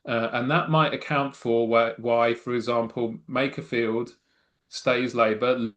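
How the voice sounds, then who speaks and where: Heard on a lo-fi recording, this middle-aged man has a medium-pitched, slightly bright voice with a steady tone and measured pace. As a political science guest with a non-Mancunian English accent, he offers conversational, wry, thoughtful analysis marked by fillers and restarts.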